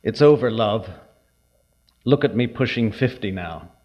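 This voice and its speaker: A poet giving a reading, heard through an old archival recording, unhurried and pausing with hesitant asides. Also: male voice, on the low side, lively intonation. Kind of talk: poetry reading with remarks. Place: reading hall with an audience. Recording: dull lo-fi archival tape.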